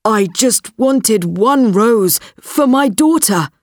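A woman's voice: on the high side, lively intonation, takes it slowly, no room sound, clean studio sound. A woman voicing a worried middle-aged merchant father in a storybook reading. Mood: earnest.

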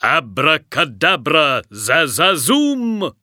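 A man voicing a big magical genie in a storybook reading, who speaks slowly and draws out his spells. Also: fairly high pitch, big pitch swings, sharp tone, no room sound, studio quality, pitched above the performer's own voice, exaggerated voice. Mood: chanting. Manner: slow, drawn-out incantation. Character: big booming magical genie, slow and grand.

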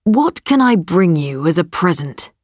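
A woman's voice: lowish voice, big pitch swings, unhurried, a little mellow, dry recording, studio quality. A woman voicing a worried middle-aged merchant father in a storybook reading. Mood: earnest.

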